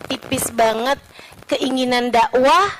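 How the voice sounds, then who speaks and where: A woman preacher giving a conversational sermon, repeating phrases for emphasis and drawing out slow build-ups. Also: high voice, slight background noise, poor audio. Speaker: female Islamic preacher. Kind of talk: casual religious sermon.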